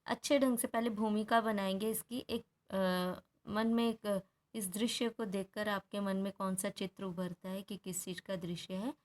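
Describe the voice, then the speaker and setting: A woman's voice: mid-range voice, steady tone, moderate pace. A woman teacher patiently working through a Hindi grammar workbook, explaining each answer step by step and checking in with students. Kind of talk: workbook lesson walkthrough.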